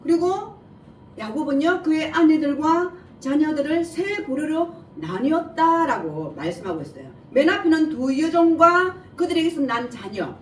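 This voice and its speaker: Speaking at normal speed in an expressive, high voice, this woman preacher works through scripture one verse at a time. Her regional Korean dialect comes with a slight lisp and somewhat imprecise articulation, and she keeps asking her listeners rhetorical questions, then answering them herself. A distant mic picks her up in an echoey room with faint noise.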